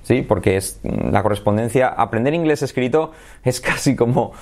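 Speaking at a medium pitch with an animated, creaky, darkish voice, a Spanish-native man teaches English pronunciation on video. He pronounces words slowly as models and repeatedly checks in with "¿vale?" and "¿sí?".

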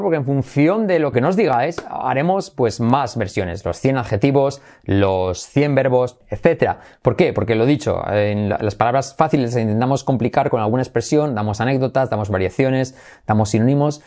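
A man teaching English in a relaxed video lesson, Spanish his first language. He drills sounds over and over, stretches words out slowly and breaks into snatches of song to make a point. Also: medium pitch. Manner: lively, demonstrates sounds by repeating them and humming songs.

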